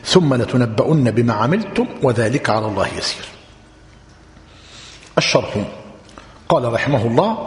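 A man teaching a religious text, repeating points slowly and quizzing his listeners. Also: medium pitch. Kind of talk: lecture explaining a text. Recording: echoey hall.

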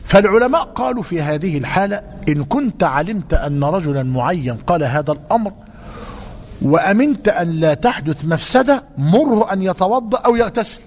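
A man with an Egyptian Arabic accent teaching a religious lesson and answering questions, emphatic and repeating key points. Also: a little high. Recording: reverberant hall, faint noise.

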